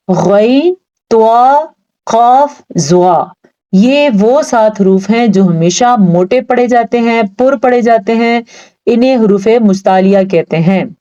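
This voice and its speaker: A woman teaching Quran pronunciation step by step, explaining each rule and then drawing out the recited words slowly. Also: on the high side, dark tone, muffled recording.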